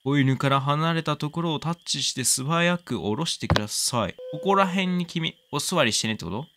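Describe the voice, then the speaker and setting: A man doing casual let's-play commentary, excitable, exclaiming often and cooing at the pet. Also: fairly high pitch, moderate pace, background noise. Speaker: game commentator.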